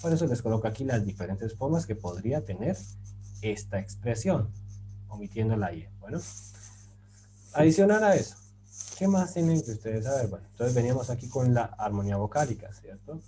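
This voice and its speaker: A man teaching a grammar lesson, patient and explanatory, often checking in with his listeners and pausing on fillers as he writes. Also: mid-range voice, expressive, mellow, faint music behind, rough recording. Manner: patient, rhetorical questions, many fillers. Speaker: language teacher. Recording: faint background noise.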